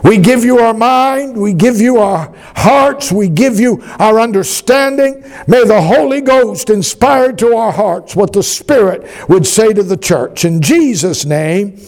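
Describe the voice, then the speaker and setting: A man's voice: high-pitched, measured pace, hardly any pauses, darkish tone. A male pastor preaching a sermon in a church, emphatic and drawn out, calling the congregation to repeat after him.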